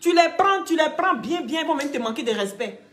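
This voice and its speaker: Woman, high voice, scolding gossip commentary, mocking tone. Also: expressive, fast talker, fairly bright tone, faint music behind. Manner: scolding, mocking, talks straight to the people she criticizes. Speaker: online commentator.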